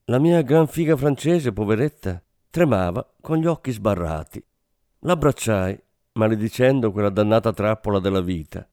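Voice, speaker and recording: A man reading a hard-boiled crime story aloud in a steady, deadpan manner. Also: on the low side, no room sound, studio quality. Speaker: narrator. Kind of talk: scripted story narration.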